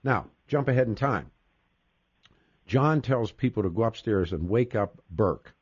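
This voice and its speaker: Man, host, emphatic, repeats himself, low voice, dry dull recording. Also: lively intonation, measured pace, breathy edge, no echo. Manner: emphatic, repeats words, interjects often. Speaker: podcast host. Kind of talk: casual discussion.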